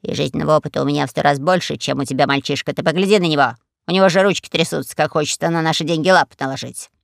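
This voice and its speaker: A man doing a hoarse, brash parrot. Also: fairly high pitch, rapid-fire, no echo, studio quality, pitched below the performer's own voice. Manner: brash, cheeky. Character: bold, rude male parrot.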